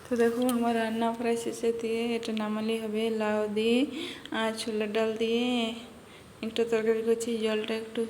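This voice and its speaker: A woman's voice: fairly high pitch, monotone, a little fast, darkish tone, reverberant, big-room sound, poor audio. A woman vlogger, chatting casually to her viewers in a home voice-over and stumbling over foreign words. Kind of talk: casual voice-over vlog narration. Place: home, recorded indoors with a motor running. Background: motor hum.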